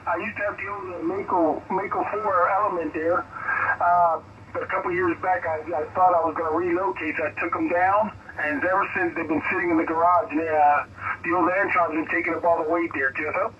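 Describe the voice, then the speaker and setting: A man's voice: sits high, steady tone, fairly quick, recorded from a distance. An American man chatting casually as a radio operator in a folksy, hesitant way, heard over a crackly two-way radio. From United States. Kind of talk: casual radio contact chat with operator jargon. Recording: crackly, noisy, muffled shortwave radio signal.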